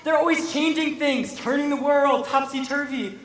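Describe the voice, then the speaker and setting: Young actress as an otter, theatrical and gloomy, high voice, echoey stage hall with music behind. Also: female voice, fairly even intonation, normal speed, far from the mic, slight background noise, close to an everyday voice. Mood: alarmed. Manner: dramatic, complaining, self-pitying. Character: fretful pessimistic otter turned human. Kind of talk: school stage play.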